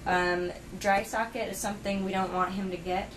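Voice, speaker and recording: A woman's voice: mid-range voice, fairly even intonation, normal speed. Woman giving aftercare instructions, distant noisy recording. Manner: plain-worded, step-by-step, checking understanding. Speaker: dental surgery assistant giving aftercare instructions. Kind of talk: explaining instructions conversationally. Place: indoor clinic treatment room. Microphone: camera held by another person, at a distance. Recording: noisy room, distant camera microphone.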